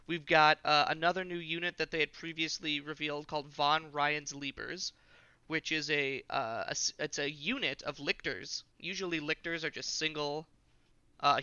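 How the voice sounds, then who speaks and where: A man hosts a casual podcast, talking with enthusiasm and sprinkling his speech with filler words. His voice is bright and a little high for a man. The recording is dry and slightly dull. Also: steady tone, normal speed, smooth, no room sound. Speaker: podcast host. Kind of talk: casual chat.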